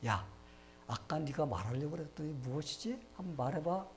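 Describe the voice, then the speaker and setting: A man voicing a stern old king and grandfather who is quick to anger, acting it out in a sermon story. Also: fairly high pitch, lively intonation, slight background noise, lightly acted. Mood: commanding. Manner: barking, scolding.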